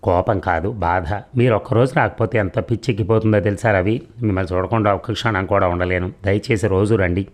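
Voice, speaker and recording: Guy reading as a young woman in love, pleading and dreamy, deep plain voice, audio story. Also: steady tone, brisk, lightly acted.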